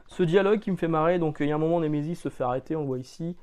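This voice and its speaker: A man's voice: on the high side, rapid-fire, darkish tone, clean tone. A man from France talking casually about comics, chatty and jokey, with lots of hesitant fillers. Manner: jokey, loose slang. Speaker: comics reviewer.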